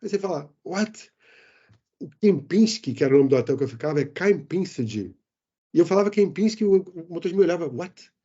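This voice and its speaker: Animated Brazilian man telling anecdotes. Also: fairly high pitch, quick pace. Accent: Brazilian Portuguese. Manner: animated storyteller, many restarts and fillers. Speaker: guest. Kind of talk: casual interview chat. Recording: dull lo-fi remote podcast audio.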